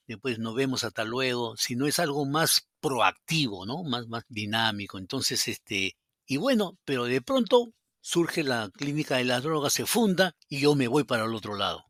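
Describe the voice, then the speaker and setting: A man's voice: mid-range voice, pushed and bright, dry recording, clean studio sound. A Peruvian man, a psychologist guest on a podcast, telling anecdotes in a rambling, casual way, with many fillers and acted-out quotes. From Peru.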